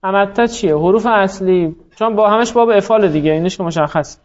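Higher-voiced man teaching a grammar class, patient, quizzes students, dull lo-fi sound. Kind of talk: classroom lesson, drilling students.

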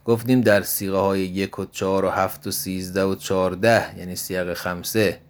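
A male teacher giving a grammar lesson in a slow, measured way, reciting verb forms one by one. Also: low-pitched, little pitch movement.

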